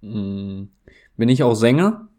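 Playing a guessing game in casual conversation, a man with a German accent speaks slowly and hesitantly, thinking aloud and using lots of fillers. His voice is fairly low, dark, and animated.

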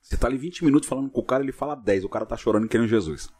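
Man, pastor guest, fast storytelling, husky mellow voice, acts out dialogue. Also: medium pitch. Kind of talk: casual storytelling interview.

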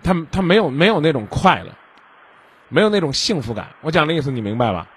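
A man's voice: on the high side, big pitch swings, quick pace, a bit bright, husky. A man hosting a radio call-in advice show, lecturing the caller and acting out little dialogues. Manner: keeps asking if the caller understands. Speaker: radio hotline host.

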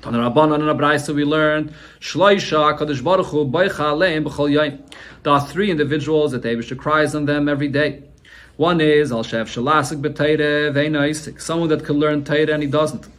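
A man's voice: fairly high pitch, steady tone, a little fast, fairly bright tone. Man teaching a Talmud lesson. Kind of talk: Talmud shiur, translating and explaining.

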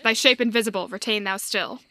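A woman playing a commanding, weary old male sorcerer in a stage production, measured and declamatory. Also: mid-range voice, pushed and bright, lightly acted. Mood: bitter. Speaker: actor playing Prospero. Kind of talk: stage acting.

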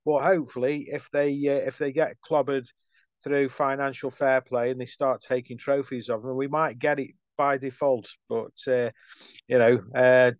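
A middle-aged man with a Stoke accent chatting casually as an interview guest, speaking haltingly and repeating words, on slightly dull audio. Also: medium pitch, level tone, no echo. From Stoke, England. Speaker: podcast guest, football writer.

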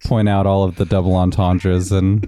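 A man co-hosts a casual podcast in a low, mellow voice. He trades playful jokes with the others, easy and relaxed. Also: normal speed, no room sound, clean studio sound. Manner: joking, playful. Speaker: podcast co-host.

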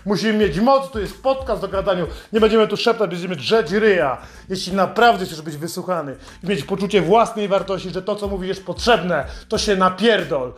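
A man's voice: high voice, fairly quick, hardly any pauses. A man hosting a podcast, delivering a sarcastic, heavily profane satirical monologue. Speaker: podcast host.

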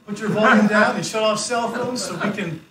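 A man's voice: high voice, moderate pace, a crowd in the background. A man filling in as guest preacher, telling a story in a conversational way with fillers, away from the mic in a church. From United States. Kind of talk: sermon. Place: church sanctuary. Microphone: far from the mic. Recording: echoey church room, mic far off, faint hiss.

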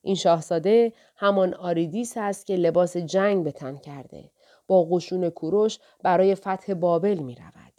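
Mellow-voiced woman narrating an audiobook. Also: on the low side. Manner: steady, measured reading. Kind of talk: audiobook narration of a historical novel.

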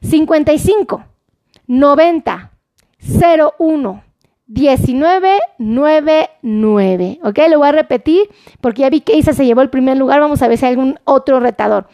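Woman doctor, high voice, dry close recording; chatty live-stream host. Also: animated, measured pace, dark tone, no echo. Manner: chatty and playful, cheering on viewers. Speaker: doctor and diabetes specialist. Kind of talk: live-streamed health talk. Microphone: phone.

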